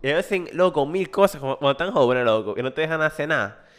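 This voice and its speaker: A man's voice: a little high, fast talker. A man hosting a podcast, telling funny stories in casual chat and laughing often. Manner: animated, laughing storyteller. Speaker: podcast host.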